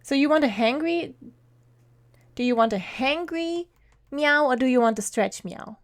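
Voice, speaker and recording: Woman, game streamer, casual chatty, giggles a lot, fairly high voice. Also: animated, a little slow. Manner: giggly, chatty, talks to viewers and her cat. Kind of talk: casual live-stream chat while gaming.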